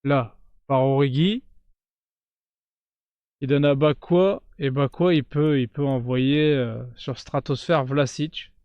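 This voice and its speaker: A man giving casual let's-play commentary, chatting straight to his viewers and breaking into cheers and shouts during big plays. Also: medium pitch, takes it slowly, clear, resonant tone, dry recording, lo-fi sound. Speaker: gaming YouTuber.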